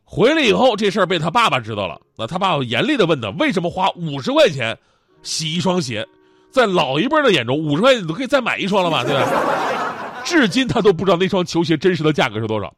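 Animated joking man telling a story. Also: high-pitched, fast talker, no echo. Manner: animated, joking, laughing often. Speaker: host. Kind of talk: comedic storytelling.

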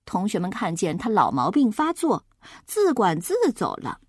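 A woman reading a children's story aloud with an expressive, animated delivery. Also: medium pitch, moderate pace, slightly rough, no room sound, studio quality.

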